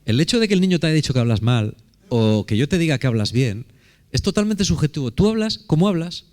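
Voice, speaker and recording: A man's voice: a little high, very animated, quick pace, darkish tone. A man preaching a sermon in a conversational, emphatic way, often asking rhetorical questions.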